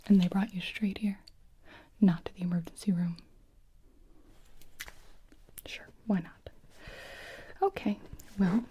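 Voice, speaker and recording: A woman whispering hesitantly as a doctor in an ASMR roleplay, with soft fillers and pauses. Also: mid-range voice, slightly rough, dull audio.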